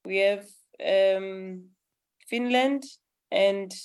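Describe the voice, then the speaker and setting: A woman chairing a formal committee meeting, calling on members in a brisk, procedural way. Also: medium pitch, darkish tone, clear, resonant tone.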